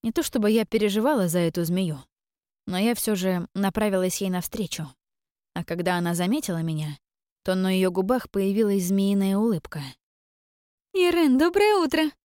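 A woman reading a first-person audiobook in a measured, expressive way. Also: medium pitch, clear, resonant tone, dry recording, studio quality. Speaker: audiobook narrator.

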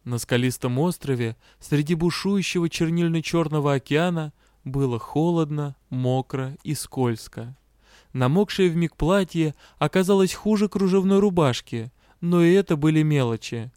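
A man's voice: a little high, normal speed, dark tone, smooth, no echo, studio quality. A man reading a first-person fantasy audiobook as a scripted narration. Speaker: audiobook reader.

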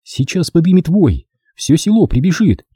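A man reading an audiobook voices a young woman fighter who speaks tersely and gives sharp commands, in a raised, husky voice. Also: on the high side, very animated, moderate pace, no echo, clean studio sound, voice pushed up. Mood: tense.

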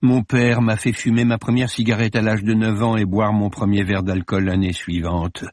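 A man's voice: lowish voice, flat delivery, moderate pace, darkish tone, no echo, clean studio sound, lightly acted. A man reading the part of a cynical, scornful male film director who talks in a cold, cutting, mocking way. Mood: icy mocking.

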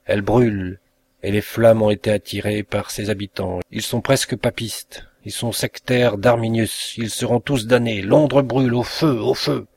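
A man's voice: fairly low pitch, level tone, moderate pace, darkish tone, lightly acted. A man voicing a raving puritan weaver who bellows doom like a fanatical preacher in a storybook reading.

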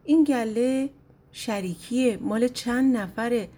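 A stubborn, nosy bald shepherd , voiced by a woman reading a storybook. He pleads and asks question after question. The voice is a little high, soft and mellow, in an audiobook folk tale. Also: lightly acted. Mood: pleading. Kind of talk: storybook narration.

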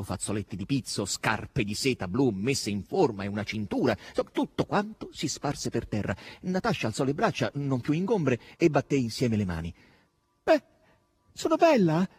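Male audiobook reader, very husky voice, lively expressive pitch, dramatic delivery. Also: a little fast, hardly any pauses, no echo. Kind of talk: scripted narration.

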